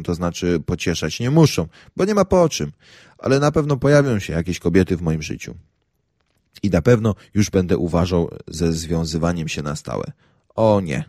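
Young guy reading a funny first-person story, ironic and a bit huffy, low voice, bone-dry recording. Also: darkish tone, dry recording. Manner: wry, ironic, indignant. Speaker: audiobook narrator. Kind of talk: first-person humorous narration.

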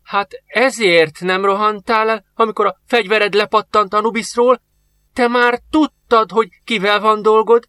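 A man voicing a frightened old male embalmer who pleads in a high, anxious voice. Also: very animated, sharp tone, no echo, full character voice. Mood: pleading.

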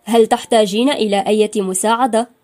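A woman's voice: mid-range voice, steady tone, darkish tone, soft background music, natural voice. A cold, mocking arrogant man, voiced by a woman. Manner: cold, sarcastic and unhurried.

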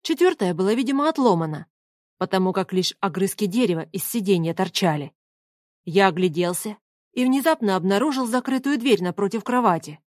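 A woman reading a first-person story as an audiobook narrator, in an even storytelling manner. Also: medium pitch, brisk, dry recording, studio quality.

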